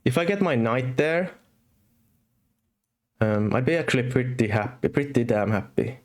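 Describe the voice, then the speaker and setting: A man's voice: medium pitch, normal speed. A young man from Finland with a Finnish accent that mixes in British and American English. He streams chess casually, thinking aloud with many fillers and restarts. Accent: Finnish, with British and American English mix. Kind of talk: casual live-stream commentary.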